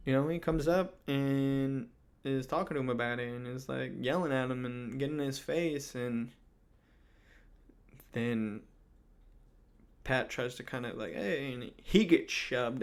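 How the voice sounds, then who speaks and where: A man's voice: mid-range voice, clean tone. A man with a mid-range voice hosts a laid-back wrestling rundown. He rambles and restarts his sentences, and he leans on casual fillers as he talks. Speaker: wrestling recap host. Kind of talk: casual spoken recap.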